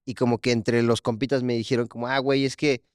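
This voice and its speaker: A man's voice: mid-range voice, flat delivery, fast, clear, resonant tone, no echo, clean studio sound. A young Mexican man on a casual podcast, telling a childhood story full of slang and laughter. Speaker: podcast co-host.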